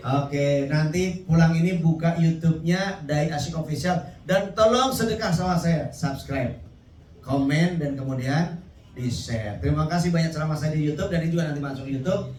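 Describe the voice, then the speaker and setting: A man preaching a sermon to a live crowd, emphatic, with his voice rising high when he calls out to the audience. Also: moderate pace, darkish tone, reverberant, distant mic, a little hiss or hum, rough recording. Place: event hall.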